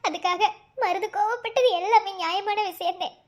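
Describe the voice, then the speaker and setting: A cartoon village girl in a Madurai Tamil accent, her voice pushed very high and thin. She pleads with her elders, tearful and begging, her words tumbling out with emotion. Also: normal speed. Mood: pleading. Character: young village woman begging to wed her love. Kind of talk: cartoon voice acting.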